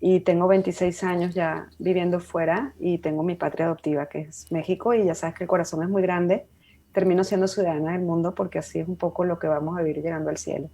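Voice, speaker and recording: A woman in her fifties with a Venezuelan accent, a psychologist speaking as an interview guest in a warm, heartfelt way. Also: fairly low pitch, fairly even intonation, fast. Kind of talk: interview conversation.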